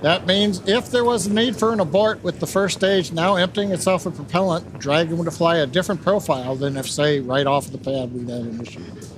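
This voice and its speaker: A man giving explanatory live launch commentary as a webcast host, in measured phrases. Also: on the high side, noisy background.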